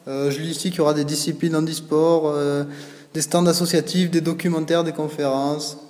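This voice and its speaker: A man's voice: fairly high pitch, level tone, fairly quick, darkish tone. A young man hosting a comic help desk sketch, in a mock-formal, flustered way. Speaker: comedy segment host. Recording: echoey room.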